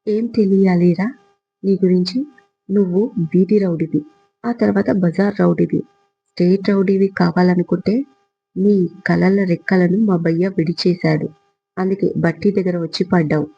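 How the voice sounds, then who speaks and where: A man voicing a confident young male friend who gives brisk, bossy, reassuring advice, in a storybook reading. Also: sits high, little pitch movement, gravelly, slightly rough, no room sound, muffled recording, exaggerated voice. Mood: dismissive.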